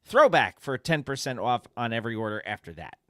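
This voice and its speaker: A man's voice: mid-range voice, expressive, brisk, pushed and bright, no room sound, studio quality. A man co-hosting a podcast, chatting loosely, laughing and reading sponsor spots. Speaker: podcast co-host. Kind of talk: casual chat and sponsor reads.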